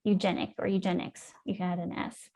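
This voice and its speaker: A woman's voice: mid-range voice, a little slow. Thoughtful woman, interview guest, storytelling. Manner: thoughtful, many ums and you-knows, animated when recounting. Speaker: guest scientist.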